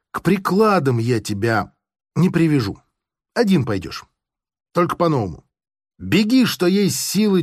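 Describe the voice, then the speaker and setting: A man's voice: medium pitch, breathy edge, dry recording, studio quality. A man playing a sanctimonious, sadistic army officer who talks in a smug, moralizing way, in a storybook reading. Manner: unctuous, moralizing, then gleefully shouting.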